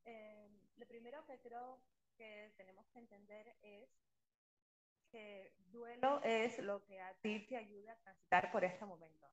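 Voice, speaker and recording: A woman from Cuba, a podcast guest, explaining calmly while her voice fades in and out and drops away over a remote call line. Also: medium pitch, a little slow, low-quality recording. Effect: voice cutting in and out, faint over a remote call line. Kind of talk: casual conversation. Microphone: remote call audio without her headset.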